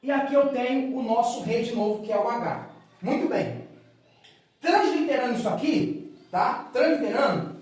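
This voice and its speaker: A man's voice: very high-pitched, a little mellow. A man with a Brazilian Portuguese accent teaching a recorded biblical Hebrew lesson. He is patient, repeats words and keeps checking that students follow. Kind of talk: recorded online lesson at a whiteboard. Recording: very echoey room, voice from far off the mic.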